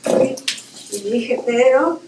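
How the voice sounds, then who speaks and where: A woman's voice: on the high side, a little slow, slight background noise. A woman author with a Peruvian Spanish accent, telling a personal story with laughs at a book fair. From Peru. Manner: laughs while telling, animated quotes. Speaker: author presenting her book. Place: book fair event room. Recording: roomy hall, mic from a distance.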